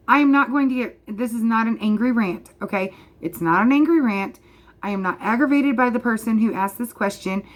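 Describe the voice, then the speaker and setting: Vlogger, woman, 30s, passionate and emphatic, addresses viewer directly, voice on the high side. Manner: emphatic, repeats points, talks straight to the viewer. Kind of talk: passionate direct-to-camera rant.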